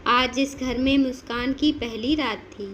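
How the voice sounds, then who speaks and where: Slow, high-voiced woman narrating a story. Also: fairly even intonation, a bit bright, a little hiss or hum, low-quality recording.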